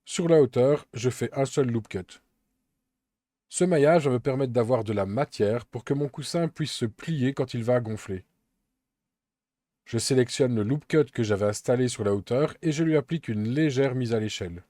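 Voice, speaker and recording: A man calmly narrating a step-by-step software tutorial, explaining each action as he works, with an occasional filler. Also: medium pitch, normal speed, no room sound. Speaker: Blender tutorial instructor.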